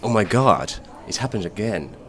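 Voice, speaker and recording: A man playing a prim, fussy gentleman passenger, talking hesitantly and quietly. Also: lowish voice, sing-song, moderate pace, husky, heavily acted. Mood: bewildered. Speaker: tabletop game player.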